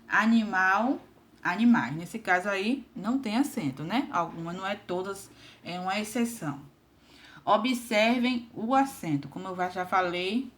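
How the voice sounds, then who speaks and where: A woman's voice: mid-range voice, fairly bright tone. A woman teaching an online grammar lesson, patiently spelling out examples and checking in with her students often.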